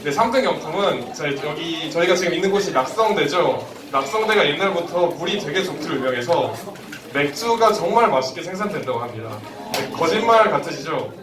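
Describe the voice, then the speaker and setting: A man's voice: on the high side, expressive, brisk. A man hosting a live prize draw as a polite, playful prize announcer who jokes with the audience in a formal stage manner. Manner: playful, joking, laughs while announcing. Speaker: host of a prize draw at a band concert. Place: indoor live music venue. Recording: echoey live venue, distant mic, loud crowd. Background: loud audience crowd.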